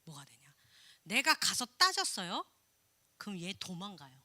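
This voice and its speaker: A middle-aged woman, a pastor's wife, preaching a sermon in a lively, expressive way, acting out quoted voices and laughing often. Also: medium pitch, a little slow. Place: church sanctuary.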